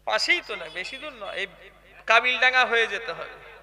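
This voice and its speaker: A young man preaching a sermon with a West Bengal Bengali accent, in a high, piercingly bright voice. He keeps asking the crowd to answer him. He moves from low, chatty asides into loud, chanted passages. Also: expressive, normal speed. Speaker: Islamic preacher. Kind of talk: live sermon at a religious gathering.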